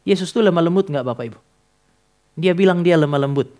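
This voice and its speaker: Guy pastor giving a sermon in church, kinda high voice, talks right to the congregation. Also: fast talker, a little mellow. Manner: addresses congregation directly, tells stories with acted dialogue.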